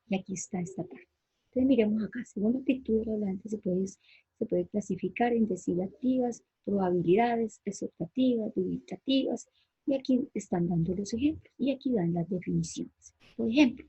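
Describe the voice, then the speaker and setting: Teacher with a dark, husky voice. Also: female voice, mid-range voice, no room sound, lo-fi sound. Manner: patient, explanatory, checks understanding with "¿sí?". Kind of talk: online grammar lesson.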